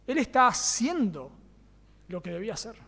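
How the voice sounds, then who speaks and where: A man's voice: high-pitched, very animated, normal speed, creaky, a bit bright, big-room sound. A man with a Rioplatense Spanish accent preaching a sermon as pastor, earnest, repeating key phrases and asking the congregation rhetorical questions. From Argentina. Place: church.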